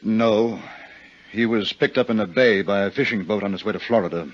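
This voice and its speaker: In a 1950s radio drama, a man voices a middle-aged American murderer who is lovesick and bitter, making a bitter confession. His natural voice is deep and rough, halting but earnest, and the vintage recording is muffled.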